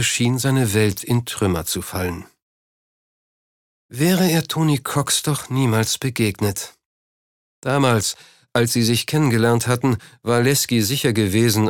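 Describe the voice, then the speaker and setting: A man's voice: mid-range voice, no room sound. Man narrating a novel, dry sound. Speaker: audiobook narrator.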